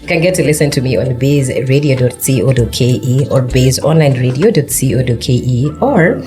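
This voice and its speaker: A woman's voice: extremely low pitch, lively intonation, normal speed, mellow, faint music behind. A woman with a Kenyan accent hosting a radio show, chatting playfully and teasing her guest in a studio. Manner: playful, teasing, laughs often. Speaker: radio host. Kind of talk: casual radio chat mixing English and Swahili slang.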